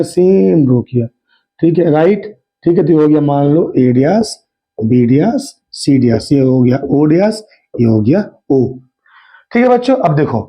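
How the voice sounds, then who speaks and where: Slightly hoarse man teaching math. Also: on the high side. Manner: coaxing, keeps asking the class if they understood. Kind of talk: Hindi math lesson at a whiteboard. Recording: dull lo-fi recording.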